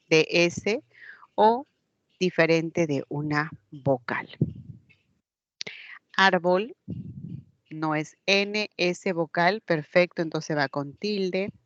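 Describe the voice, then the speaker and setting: Slow, patient woman teacher, lo-fi sound. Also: on the low side, no echo. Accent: Peruvian Spanish. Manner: patient, explains step by step, checks with "¿ya?". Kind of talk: online class lecture. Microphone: computer mic in a video class. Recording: dull lo-fi online class audio.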